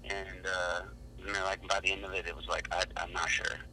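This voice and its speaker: A man's voice: low voice, little pitch movement, brisk, sharp tone, rough recording. A man calling in on speakerphone as a guest, chatting casually and repeating words when unsure. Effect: speakerphone call. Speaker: phone-in guest. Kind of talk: casual chat.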